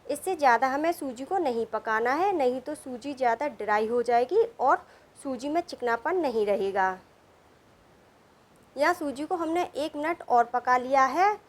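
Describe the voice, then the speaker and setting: A woman narrating a cooking recipe step by step in a calm, steady instructional voice-over. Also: high voice. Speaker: cooking channel host.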